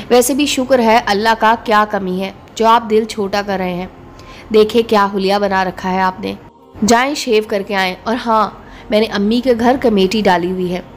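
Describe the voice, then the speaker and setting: A woman's voice: medium pitch, lightly acted. A woman voicing a loving, cheeky young wife in a read-aloud story. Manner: warm, teasing.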